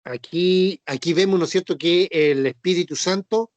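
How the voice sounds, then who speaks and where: A man's voice: high voice, moderate pace, dry recording. A man teaching a sermon on scripture, repeating points and checking understanding with frequent tag questions. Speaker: preacher.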